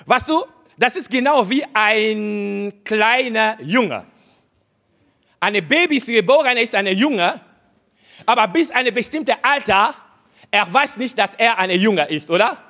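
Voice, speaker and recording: A man's sermon comes in a high, expressive, bright voice, slow and forceful in tone. Addressing the audience head-on, he repeats short exhortations insistently.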